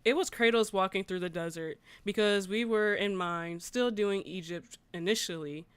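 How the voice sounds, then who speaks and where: Reading articles aloud and reacting to them, a woman runs a relaxed gaming livestream where she chats with viewers conversationally. She has a mid-range voice at a moderate pace, clear and resonant, recorded with no room sound.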